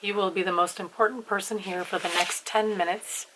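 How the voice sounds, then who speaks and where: A woman reading the lines of an older buffoonish man, emotional and overly flattering. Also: mid-range voice, brisk, background noise, lightly acted. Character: older male buffoonish landowner, mocking.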